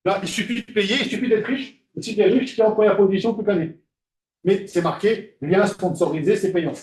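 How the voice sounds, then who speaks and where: High-voiced lecturer quizzing a class. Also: male voice, brisk, darkish tone. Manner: conversational, questions the class, many fillers.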